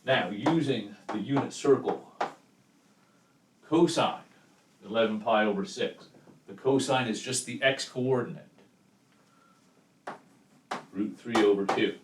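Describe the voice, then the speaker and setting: A man with a fairly low voice teaches math in a casual, step-by-step manner. He is recorded at a distance in a very reverberant room. There is background noise, with the scratch and click of chalk on a board. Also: slow pace, pauses often. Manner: casual, step-by-step explaining with check-in questions. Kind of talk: chalkboard trigonometry lesson.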